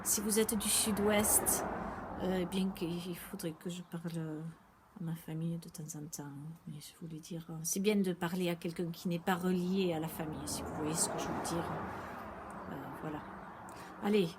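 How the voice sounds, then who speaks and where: A woman's voice: lowish voice, fairly even intonation, normal speed, heavy background noise. A woman from South-West France talking in a casual vlog monologue, hesitant and thinking aloud as she restarts her sentences. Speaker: vlogger.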